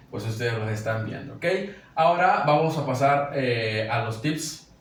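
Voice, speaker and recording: A man's voice: mid-range voice, far from the mic, slight background noise. Man teaching in an echoey room. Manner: patient, repeats "¿ok?" and "¿verdad?" often; reads English example sentences slowly. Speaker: English teacher. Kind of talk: classroom-style grammar explanation.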